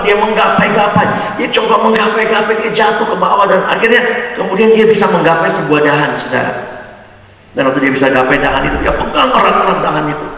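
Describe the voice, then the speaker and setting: A man preaching in a casual, joking way, weaving stories into his Bible teaching, his voice sitting somewhat high. He is heard from a distance, with a long, echoing hall reverb around him. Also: a bit bright. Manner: conversational and joking, tells stories. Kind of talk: sermon-style Bible teaching. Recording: echoey hall, voice from far off.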